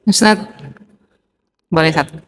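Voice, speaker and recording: A woman's voice: low voice, a little slow, a bit bright. Hesitant woman asking the preacher a question. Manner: hesitant, with many fillers. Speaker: audience member asking a question. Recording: hall reverb, faint noise.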